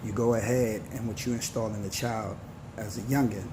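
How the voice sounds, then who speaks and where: A man in his forties, speaking in a fairly low, fairly even voice, gives his viewers a motivational talk as a vlogger. He's earnest and preachy, slow and full of slang, with a noisy background behind him.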